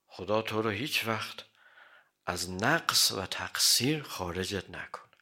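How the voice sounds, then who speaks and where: A man giving a religious sermon, quoting Arabic sayings and explaining them in everyday Persian, often clearing his throat. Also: fairly low pitch, animated, bright, forceful tone. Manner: quotes Arabic hadith then explains in plain Persian. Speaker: cleric.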